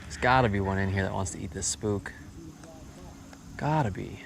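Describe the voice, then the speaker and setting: A man's voice: low-pitched, normal speed. Bro-talking man fishing outdoors, noisy background. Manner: frat-bro slang, hyped exclamations. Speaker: angler filming a fishing video. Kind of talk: casual fishing vlog chat. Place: outdoors by the water. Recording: outdoor recording with clear background noise.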